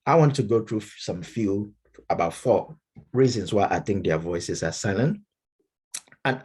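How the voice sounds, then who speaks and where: A middle-aged man with a Nigerian accent, giving a measured academic lecture with frequent fillers and restarts. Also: lowish voice, darkish tone, breathy edge. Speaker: Baptist minister and speaker.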